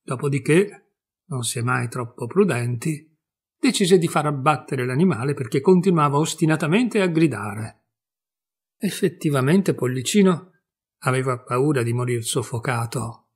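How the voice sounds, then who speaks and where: A man reading a fairy tale aloud with expressive storytelling. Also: medium pitch, moderate pace, breathy edge.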